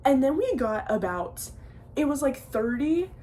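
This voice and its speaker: A woman's voice: high-pitched, sing-song, a little slow, dark tone, slight background noise. A teenage girl talking casually and emotionally at home about a book she is reading, full of fillers. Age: teens. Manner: gushing, emotional, filler-heavy. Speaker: book vlogger.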